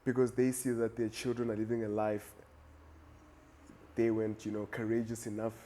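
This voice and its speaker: A man's voice: on the low side, monotone, moderate pace, mellow. Earnest young South African man, casual. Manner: earnest, calls his friend "dog". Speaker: podcast co-host. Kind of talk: casual chat.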